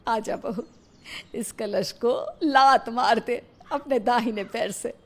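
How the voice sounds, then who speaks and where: A woman voicing a loud, complaining middle-aged mother-in-law in a cartoon, scolding and wailing at her daughter-in-law. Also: on the high side, takes it slowly. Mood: coaxing. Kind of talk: cartoon voice acting.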